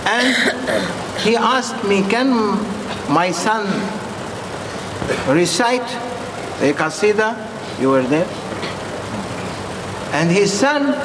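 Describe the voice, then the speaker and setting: A man who is a non-native English speaker preaching informally in short, halting, repeated phrases and putting questions to his listeners. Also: sits high, expressive. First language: not English. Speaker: Sufi preacher addressing followers. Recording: echoey reverberant hall with clear background noise.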